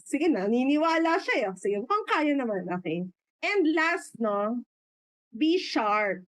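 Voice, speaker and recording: A woman's voice: high-pitched, no echo. A middle-aged Filipino woman giving a motivational business talk. She mixes in English, laughs often, and acts out quoted people. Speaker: business mentor.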